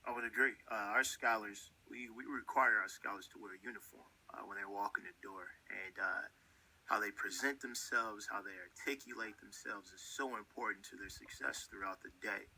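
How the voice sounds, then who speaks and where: A man who leads a school, a guest in a radio interview, speaking in a measured, earnest way. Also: fairly low pitch, fairly even intonation, sharp tone, husky, poor audio.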